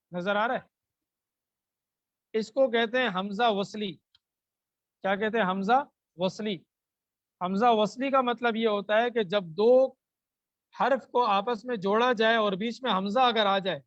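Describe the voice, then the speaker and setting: A man with a Pakistani Urdu accent and a high voice teaches a Quranic grammar class. He chants verses slowly and then quizzes his students, answering his own questions. The sound is dry and a little dull. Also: fairly bright tone, no room sound. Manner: asks the class questions and answers them himself. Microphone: microphone.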